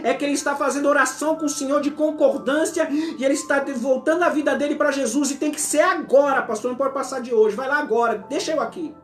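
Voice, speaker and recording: A man preaching an emotional testimony as an apostle, his voice often sinking to a hush. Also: very high-pitched, fast talker, hardly any pauses. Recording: echoey church hall with music.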